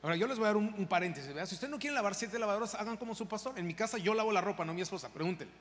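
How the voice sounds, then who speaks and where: A pastor delivers an impassioned sermon directly to his congregation in a church sanctuary, his voice high, animated and racing with a fairly bright tone. The recording carries the long reverb of a large hall and faint background noise.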